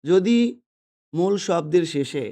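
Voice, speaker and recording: Man, teacher, fairly high voice, patient, repetitive, question-and-answer lesson. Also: slow pace, vocal fry, dark tone. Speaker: English teacher. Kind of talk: explaining English grammar lesson. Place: indoors, holding a pen.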